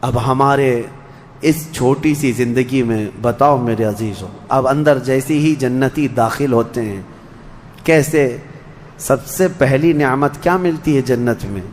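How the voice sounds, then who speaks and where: A man preaching an emotional religious sermon, swinging between loud cries and hushed lines and chanting scripture verses slowly. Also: mid-range voice, slight background noise. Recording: long echoing hall reverb.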